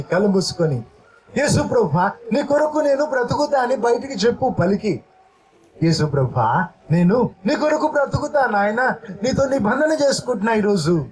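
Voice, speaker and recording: A man's voice: high voice, big pitch swings, normal speed, darkish tone, rough recording. A male pastor preaching a sermon and leading his congregation through a repeat-after-me prayer.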